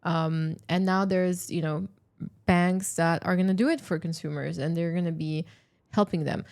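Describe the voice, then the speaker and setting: A woman with a slightly low voice hosts a casual livestream chat. She is chatty and quick to laugh, and reads out viewer questions between her own thoughts. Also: steady tone, darkish tone. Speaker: podcast host.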